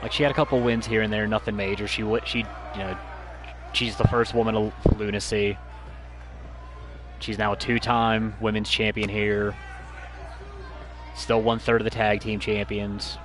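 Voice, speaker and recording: A man delivers wrestling commentary in a fairly low voice over clearly audible music. He works as a play-by-play commentator, using clipped, punchy phrases to call the action move by move. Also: little pitch movement, normal speed, long pauses, a crowd in the background.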